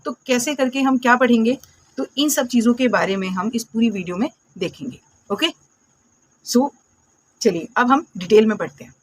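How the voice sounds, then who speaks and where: A woman teaching English phonics, patiently asking questions, answering them herself and repeating words slowly. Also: on the high side. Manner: patient, calls viewers "my dear friends" and "beta". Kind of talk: classroom phonics lesson.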